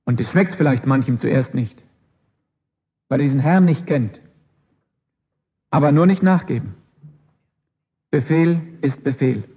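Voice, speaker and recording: A man's voice: medium pitch, animated, a little slow, pauses often, breathy edge. A man preaching a sermon emphatically, with rhetorical questions and repeated phrases, on a dull lo-fi recording.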